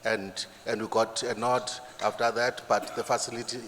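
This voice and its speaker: A man's voice: mid-range voice, flat delivery, moderate pace, fairly bright tone. A man in an audience, asking a hesitant, frustrated question with many restarts. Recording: echoey conference hall, faint noise.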